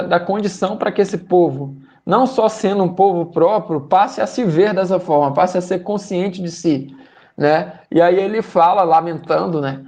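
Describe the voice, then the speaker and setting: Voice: mid-range voice, darkish tone. A speaker with a Brazilian accent summarizing a book for a study group, hesitant, with many fillers and repeated words.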